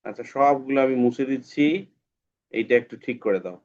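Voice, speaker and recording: A man's voice: mid-range voice, a little fast, a little mellow, muffled recording. A man teaching English phonics, repeating each sound several times for the class. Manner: drills sounds by repeating them many times. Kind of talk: online phonics lesson.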